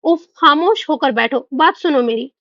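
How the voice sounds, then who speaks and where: A woman's voice: high-pitched, normal speed, dry recording, close to an everyday voice. A woman doing a gossipy young student. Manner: secretive, gossiping. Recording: dull dry recording.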